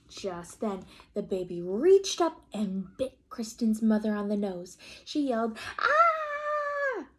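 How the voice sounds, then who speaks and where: A woman reading a picture book aloud to children like a teacher, stopping to ask the listeners questions and have them make predictions. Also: medium pitch. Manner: slow and expressive, asking children questions. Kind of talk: children's read-aloud storytime.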